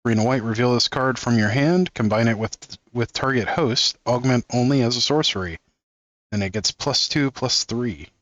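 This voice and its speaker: A man's voice: mid-range voice, normal speed, a bit bright, dull audio. Amused man reading cards aloud. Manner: amused, chuckles often while reading. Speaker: card-opening channel host. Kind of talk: casual reading of card text.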